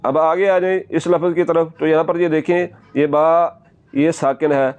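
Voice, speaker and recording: A man's voice: on the high side, fairly even intonation, normal speed, darkish tone, clear, resonant tone, lo-fi sound. A male Quran teacher giving a patient, step-by-step recitation lesson, repeating each word several times and drawing out the long sounds.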